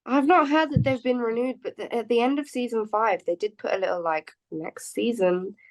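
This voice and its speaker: A woman's voice: a little high, moderate pace. A young woman co-hosting a podcast in casual chat. She agrees readily and keeps her remarks short. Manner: agreeable, brief backchannels. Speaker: podcast co-host.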